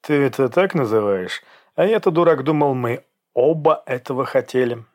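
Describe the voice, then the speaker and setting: A man's voice: mid-range voice, expressive, moderate pace, pitched above the performer's own voice, natural voice. A man voicing an arrogant, domineering man in an audiobook, cold and commanding. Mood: harsh commanding.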